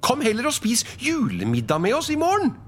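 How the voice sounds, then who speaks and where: A man doing a cheery, high young nephew. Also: huge pitch swings, fairly bright tone, a little hiss or hum, exaggerated voice. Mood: jolly. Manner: jolly, calling out.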